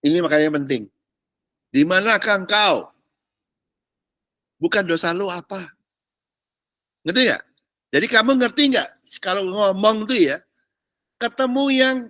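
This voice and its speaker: A male pastor preaching a sermon, animated and chatty, with mocking asides and casual slang. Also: high voice, a little slow, pauses often, no room sound, clean studio sound.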